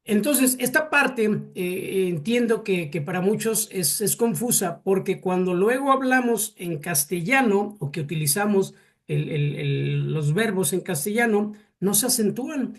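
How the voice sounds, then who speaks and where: A man's voice: high voice, animated, measured pace. A man with a Mexican accent teaching a classroom lesson, stopping often to restart words and quizzing his students. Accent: Mexican Spanish.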